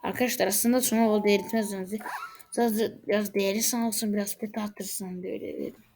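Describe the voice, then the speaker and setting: A woman hosting a game channel, giving casual gameplay commentary with excitable, exclaiming reactions. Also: medium pitch, fast talker.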